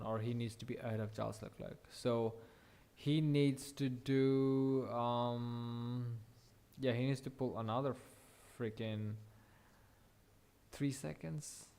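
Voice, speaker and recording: A young man giving live reaction commentary as he follows a race. His voice sits at an ordinary middle pitch. He talks it through out loud, gets excited and drops the odd swear word. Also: vocal fry. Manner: excited, swearing, thinking aloud. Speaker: watch-along race commentator.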